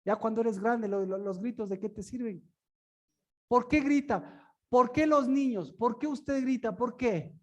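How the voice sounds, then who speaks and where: A man's voice: very high voice, unhurried, dull audio. A man teaching in a sermon style, asking the listeners many rhetorical questions and often repeating and restarting his words. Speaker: preacher.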